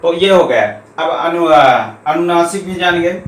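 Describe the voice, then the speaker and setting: A man teaching a grammar lesson, explaining patiently step by step and slowly repeating each term. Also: fairly high pitch, animated. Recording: echoey room, faint ambient noise.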